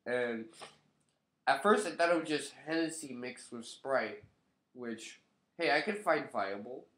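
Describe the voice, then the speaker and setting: Still getting over a cold, this young vlogger sounds congested and nasal as he chats offhandedly to his webcam, swearing plenty along the way. His middle-range voice is unhurried and fairly bright, and the camera mic catches the roomy echo of his living room.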